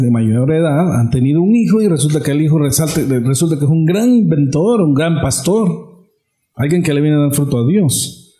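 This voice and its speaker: A man's voice: on the high side, mellow, reverberant. A male pastor preaching a sermon, emphatic and repetitive, addressing the congregation directly.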